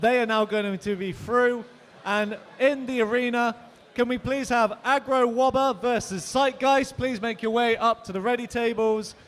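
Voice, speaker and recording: High-voiced British man commentating robot fights. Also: fairly even intonation, moderate pace, fairly bright tone. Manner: announcing calls to the ready tables. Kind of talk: live sports commentary.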